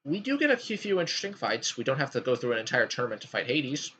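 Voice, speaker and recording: A man hosts a relaxed chat about video games, and his pitch swings widely from line to line. He fills pauses with ums and jumps between thoughts. The recording sounds dull and lo-fi. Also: slight background noise. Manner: animated, jumpy pitch with frequent ums. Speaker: podcast host ranking game worlds. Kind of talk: casual gaming chat.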